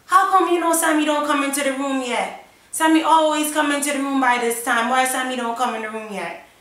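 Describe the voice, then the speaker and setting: Jamaican mom, fretful and bright-voiced, put on by a woman in an echoey room. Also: high voice, fairly quick. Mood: worried. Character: Jamaican mother, a minister, worried. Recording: echoey room, mic at a distance.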